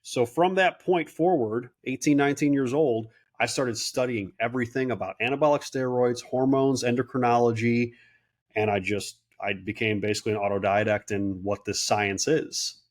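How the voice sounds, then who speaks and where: Guest, man, late 30s, casual and animated, mid-pitch, acts out quotes. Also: normal speed. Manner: animated storyteller, quotes people in voices. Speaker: guest, clinic owner. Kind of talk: casual interview talk.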